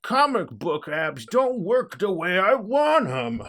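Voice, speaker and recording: Guy doing a grumpy old geezer voice, slow and cranky, higher than his own. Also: big pitch swings, fairly bright tone, exaggerated voice. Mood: grumbling. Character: grumpy decrepit old man.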